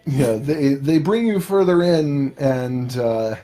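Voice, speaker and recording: A man narrating a tabletop game as game master, improvising the story in a halting, measured way. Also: mid-range voice, expressive, warm tone. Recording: faint background music.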